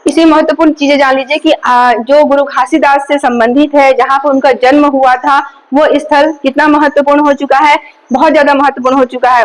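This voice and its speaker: A woman teaches an exam-coaching lecture in a high voice. She explains patiently, repeats the key points and asks her students rhetorical questions. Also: low-quality recording.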